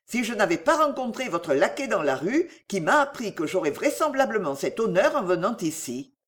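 A woman reading the part of an agitated, jealous young gentleman, tense and commanding in manner. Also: medium pitch, sing-song, moderate pace, natural voice.

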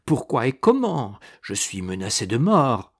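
A man reading an audiobook and voicing an old pope who is fearful and gruff, with an anxious, stammering way of talking. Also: medium pitch, very animated, unhurried, full character voice.

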